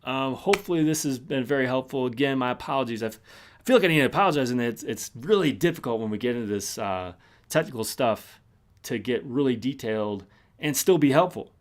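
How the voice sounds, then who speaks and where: A man's voice: mid-range voice, lively intonation, a little fast. A man presenting a live webinar and answering questions in a loose, casual way, stopping and restarting often, while he is losing his voice. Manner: casual, full of fillers and restarts.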